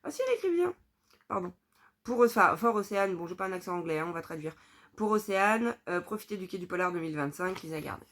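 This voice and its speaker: A young woman with a somewhat low-pitched voice talks casually and candidly. She thinks aloud as she goes, trailing off and using plenty of fillers. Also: fast talker, fairly bright tone. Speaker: book vlogger. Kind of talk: casual chat.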